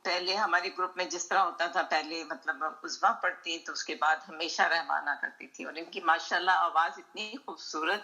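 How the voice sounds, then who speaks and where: A woman's voice: fairly low pitch, steady tone, hardly any pauses, bright, forceful tone, low-quality recording. A middle-aged woman oncologist speaking earnestly in a remembrance talk, mixing English phrases into her speech.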